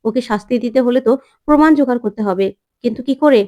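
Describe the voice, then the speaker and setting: A woman narrator voicing a worried, indignant friend from a serial drama, questioning and insistent. The voice is a little high, near her own. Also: fast, mellow, dull audio, lightly acted.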